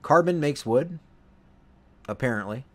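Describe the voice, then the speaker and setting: A man casually commenting while he plays a video game, thinking out loud and often correcting himself. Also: medium pitch, animated, measured pace. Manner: rambling, self-correcting, thinking aloud. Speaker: let's play host.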